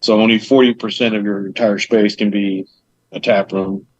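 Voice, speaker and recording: A man's voice: on the low side, flat delivery, normal speed. A man chatting as a podcast guest about opening a business, rambling, with loose fillers and lots of side detail. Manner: chatty, rambling, acts out conversations. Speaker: guest, meadery owner. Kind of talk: casual podcast interview. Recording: dull lo-fi dry audio.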